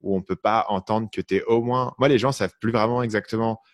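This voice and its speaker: A man's voice: fairly low pitch, steady tone, a little fast, no echo, studio quality. A man with a mixed French accent, hosting a podcast and asking questions in casual conversation. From France. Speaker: podcast host. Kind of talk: casual interview chat.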